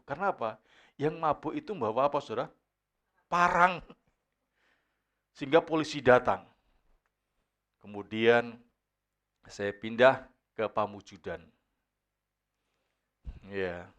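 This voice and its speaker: A male pastor preaching a sermon to his congregation. He calls out to them and poses rhetorical questions, moving from quiet anecdotes to loud, high-pitched exhortation. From Indonesia. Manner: addresses the congregation as "saudara", asks rhetorical questions. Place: church service.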